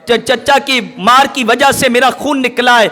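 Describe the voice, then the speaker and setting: A man's voice: very high voice, flat delivery, sharp tone. A man preacher voicing a young orphan boy who speaks earnestly and pleads. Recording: long hall reverb.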